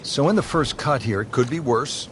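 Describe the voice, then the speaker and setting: A man's voice: mid-range voice, normal speed. A man calling golf play-by-play, describing shots in short phrases. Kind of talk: golf commentary. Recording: light crowd and background noise. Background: faint crowd, outdoor ambience.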